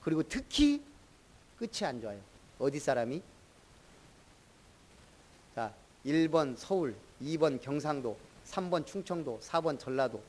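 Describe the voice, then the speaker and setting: A middle-aged pastor from in Korea preaches. His voice sits a little high for a man. He keeps the sermon conversational and calls on congregation members by name. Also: big pitch swings, a little slow, long pauses, a little mellow. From Jeolla, Korea.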